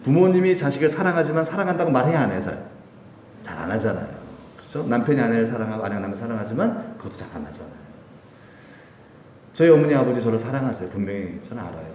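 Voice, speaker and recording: Animated man preaching in an echoey church. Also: mid-range voice, fast talker, a little hiss or hum. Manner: storytelling, animated, laughs between phrases. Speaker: pastor. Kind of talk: sermon. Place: church sanctuary. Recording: echoey hall, voice from a distance.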